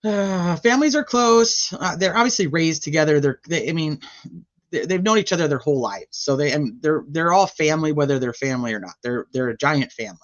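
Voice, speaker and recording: A woman's voice: low voice, lively intonation, fairly quick, muffled recording. A woman hosting a true crime channel, casually recapping trial testimony in a rambling, chatty way full of fillers.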